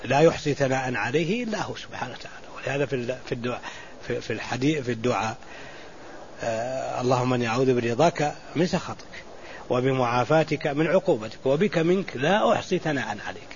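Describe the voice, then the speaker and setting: Male sheikh teaching a lesson, measured, repeats himself, muffled lo-fi recording with faint hiss. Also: mid-range voice. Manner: explains slowly, repeating words and restarting phrases. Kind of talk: classical Islamic lesson commentary.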